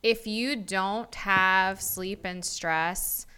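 Woman, podcast co-host, slow unhurried speech, smooth clear voice, laid-back. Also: medium pitch, fairly even intonation, bright, forceful tone. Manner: laid-back, quick to laugh along. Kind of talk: casual podcast chat.

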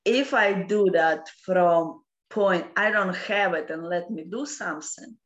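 A woman with a Russian accent explaining philosophical ideas off the cuff in halting non-native English. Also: fairly low pitch, highs cut off. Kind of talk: unscripted philosophical explanation in conversation. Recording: roomy, echoing sound.

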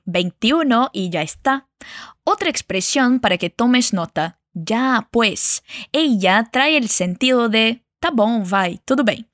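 Slowly and with care, a female Spanish teacher demonstrates phrases during a lesson. She has a slightly high, fairly bright voice, captured close with no echo.

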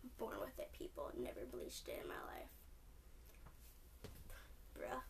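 A woman's voice: mid-range voice, wildly swooping pitch, unhurried, creaky. A young woman from California with a Californian accent, rambling in a casual solo podcast full of "like" and "um". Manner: rambling, lots of "like" and "um", restarts often. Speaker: podcast host. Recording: distant mic with faint noise.

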